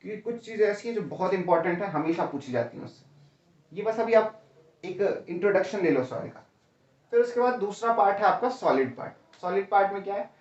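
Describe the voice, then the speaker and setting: A man's voice: high voice, animated, a little fast, darkish tone. A man lecturing students for an exam, explaining one step at a time and casually checking in with them. His voice sounds far from the mic in an echoey room. The recording is a little dull and lo-fi. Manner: explains step by step, keeps asking "है ना?" and "ठीक है?"; calls students "भैया". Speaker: teacher. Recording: roomy, distant, dull lo-fi sound.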